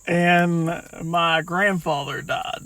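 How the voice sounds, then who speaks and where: High-voiced man telling a story. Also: steady tone, drawn-out words, pushed and bright. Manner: laughs through his own stories. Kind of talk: casual storytelling chat.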